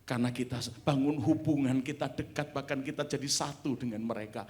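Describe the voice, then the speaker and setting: A man preaching a sermon in a church, animated, swinging from quiet asides to loud exclamations. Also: mid-range voice, a little fast. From Indonesia. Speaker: pastor. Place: church sanctuary.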